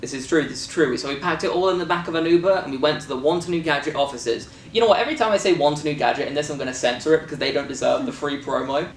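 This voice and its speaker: A British man with a fairly high voice chats casually and jokingly about a film shoot, racing along with few pauses. He's a filmmaker and co-host who rambles and fills his talk with fillers. The recording sounds distant, in an echoey room with faint noise.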